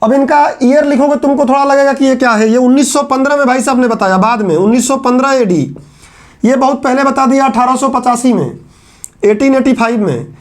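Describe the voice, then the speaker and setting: A man with a notably high voice delivers a classroom lecture, speaking conversationally to his students. He repeats key phrases again and again to drive a point home, keeping the explanation simple and chatty. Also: brisk. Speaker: teacher.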